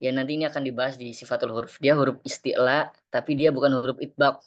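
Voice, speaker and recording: A man teaching Quran recitation in an online class, explaining patiently and chanting verses slowly. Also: mid-range voice, fairly even intonation, muffled recording.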